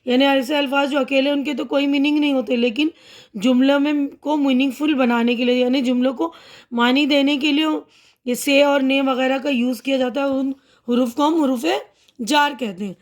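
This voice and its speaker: A woman's voice: sits high, steady tone. A woman teacher patiently going through a textbook chapter, repeating and explaining each term and mixing in English words.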